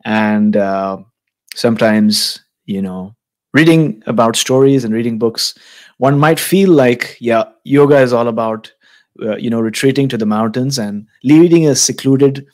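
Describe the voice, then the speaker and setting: A man in his thirties hosting a podcast interview, speaking in a thoughtful, measured, affirming way into a studio mic in a small room. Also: mid-range voice, darkish tone. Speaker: podcast host. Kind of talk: casual interview. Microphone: studio mic with headphones.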